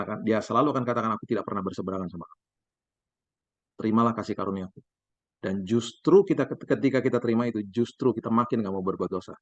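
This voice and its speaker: A middle-aged male pastor, preaching a sermon emphatically and dropping to a soft, intimate tone for quoted words. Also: medium pitch, no echo. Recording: dry, slightly dull sound.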